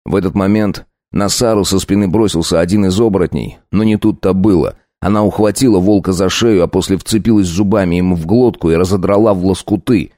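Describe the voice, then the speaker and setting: A man narrating a dark folk-tale audiobook in a measured, storytelling way with folksy phrasing. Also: low-pitched, fairly even intonation, no room sound, studio quality.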